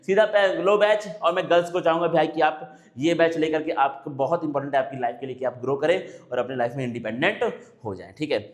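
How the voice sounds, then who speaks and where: High-voiced man teaching exam biology. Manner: talks to students in rhetorical questions and answers himself; mixes Hindi with English technical terms, reads options slowly. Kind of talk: exam-prep lesson solving multiple-choice questions.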